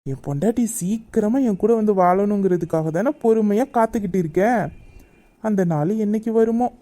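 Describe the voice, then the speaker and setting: A woman's voice: mid-range voice, a little fast, warm tone, natural voice. A woman voicing a hurt, proud young man in love, in a romantic audio drama, talking in a sulking, reproachful way. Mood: tender.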